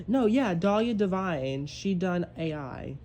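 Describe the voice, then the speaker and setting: A man's voice: high voice, darkish tone, a little hiss or hum, rough recording. A man hosting a podcast in casual chat, snarky and teasing toward his guest. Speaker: podcast host.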